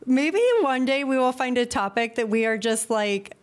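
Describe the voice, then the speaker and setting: A woman's voice: a little high, moderate pace. A young woman co-hosting a casual podcast, chatty and rambling, laughing often. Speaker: podcast co-host. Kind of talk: casual chat.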